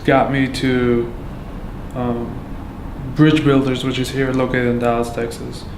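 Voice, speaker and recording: A man from Afghanistan giving a candid account as a patient, halting and full of fillers and restarts. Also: medium pitch, level tone. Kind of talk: candid personal testimony. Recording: echoey room with background noise.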